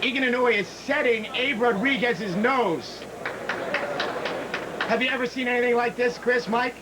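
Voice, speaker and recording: A man giving live play-by-play fight commentary in short, excitable phrases. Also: extremely high pitch, moderate pace. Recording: very noisy arena, loud crowd.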